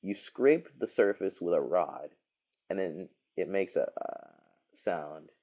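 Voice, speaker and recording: Muffled, slightly dull audio carries a low, gravelly, fry-laden male voice as a livestreaming animator rambles casually and thinks aloud while working. His intonation is lively and his pace measured.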